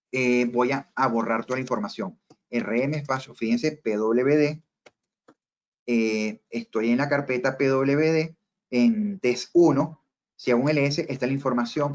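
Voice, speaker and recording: A man's voice: mid-range voice, a little hiss or hum. A man teaching a screencast tutorial, explaining each step and speaking straight to the viewers. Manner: explains step by step, often addressing viewers directly. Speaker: instructor. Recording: dull lo-fi recording.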